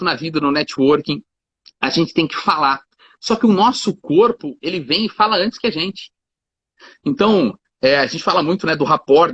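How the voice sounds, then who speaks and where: Speaking at a fairly high pitch, a male lawyer guest sounds a bit bright with a breathy edge as he talks casually, illustrating his ideas with everyday examples and fillers such as "cara" and "né." The sound is dry, dull and lo-fi.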